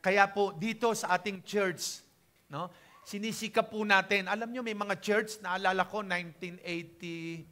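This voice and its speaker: Bright high-voiced older Filipino pastor. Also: male voice, steady tone, unhurried. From Philippines. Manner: chatty, keeps checking in with the congregation. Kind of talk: conversational sermon.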